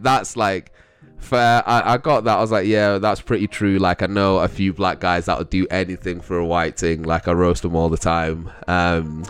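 Smooth, low-voiced young London man, slangy. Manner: rambling, slangy, often breaks into chuckles. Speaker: vlogger giving commentary. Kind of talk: casual chat.

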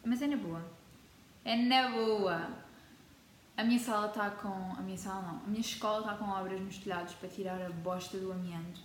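A woman's voice: mid-range voice, steady tone, quick pace, few pauses, a little hiss or hum. A teenage girl from Portugal with a European Portuguese accent, vlogging in a chatty, dramatic way and dropping English words into her talk. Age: teens. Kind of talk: casual chat to camera. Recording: echoey room with faint ambience.

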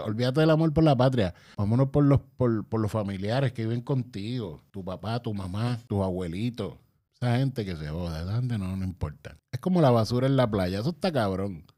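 A man's voice: medium pitch, a little mellow. A man with a Puerto Rican accent, ranting bluntly and heatedly in a casual, profane monologue.

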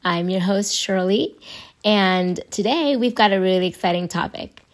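A young adult woman hosting a faith podcast, her voice hoarse and raspy from laryngitis, talking in an earnest, conversational way. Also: mid-range voice, normal speed. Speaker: podcast host.

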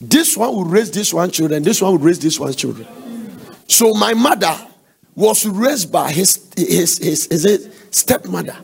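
A man's voice: sits high, expressive, measured pace, gravelly, husky. A man preaching an earnest sermon, exhorting and telling family stories. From Nigeria.

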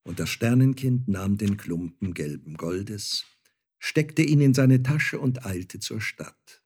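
Slow, husky male storyteller. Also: lowish voice, expressive, darkish tone. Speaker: narrator. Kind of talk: fairy tale reading.

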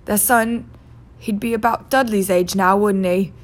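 A woman's voice: medium pitch, fairly even intonation, measured pace, natural voice. A woman playing a nervous, mumbling husband. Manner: hesitant, mumbling. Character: nervous, stuffy middle-aged husband.

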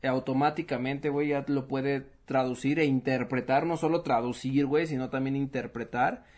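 A man's voice: medium pitch, steady tone, moderate pace, a little mellow. A man with a Mexican accent chatting casually, joking around and using heavy slang. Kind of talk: casual chat.

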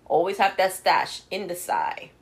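A woman's voice: lowish voice, sing-song, a little slow, background noise. A woman co-hosting a casual talk show, swearing freely and slipping Spanish words into her chat.

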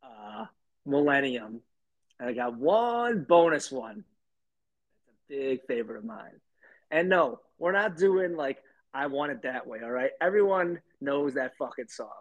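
Guy with a high voice, slow and drawn out, joking podcast cohost who sings bits of songs. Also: expressive, muffled recording. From lives somewhere hot. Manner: joking, sings song snippets for a quiz. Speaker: podcast co-host. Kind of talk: casual chat.

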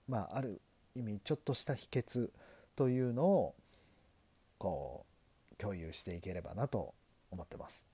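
A middle-aged lawyer from Japan hosting a solo podcast, talking in an earnest, self-deprecating, measured way. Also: male voice, on the low side, dark tone, breathy edge, no room sound. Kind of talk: solo podcast talk on learning English.

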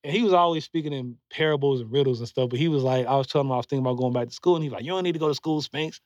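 Rapid-fire and medium-pitched, a man in his forties gives earnest advice in a loose podcast chat, stumbling through many fillers and restarts. There's no room sound, and the dry recording comes across dull and a little muffled.

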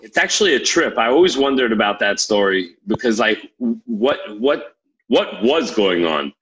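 A man's voice: fairly low pitch, sing-song, moderate pace, fairly bright tone, muffled recording. A man in casual chat, curious and asking questions about a story.

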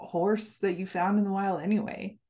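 A woman co-hosts a podcast in relaxed conversation. She giggles often, talks in a chatty way, and fills her sentences with "um" and "like." Her voice sits at a middle pitch. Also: normal speed. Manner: giggly, chatty, lots of fillers. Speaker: podcast co-host. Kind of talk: casual chat.

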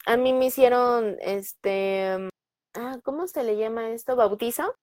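A woman's voice: a little high, a little slow, darkish tone, no echo. A young adult woman with a Mexican Spanish accent, casually telling personal stories with lots of fillers and tag questions. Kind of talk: casual storytelling.

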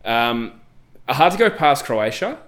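A young man chatting casually about travel, relaxed and hesitant, with many fillers. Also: mid-range voice, slow. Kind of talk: casual chat.

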